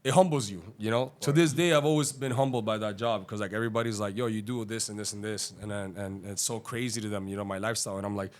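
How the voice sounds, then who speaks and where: This man has a lowish voice with fairly even intonation. A Cuban day trader guesting on a podcast, he discusses his career casually, cursing freely, rambling and rushing along with many fillers.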